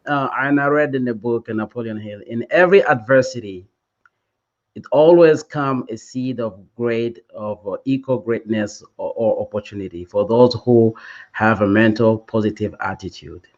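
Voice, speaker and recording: A man's voice: mid-range voice, normal speed, highs cut off. A man speaking as a panel guest, hesitant with many fillers. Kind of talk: panel interview.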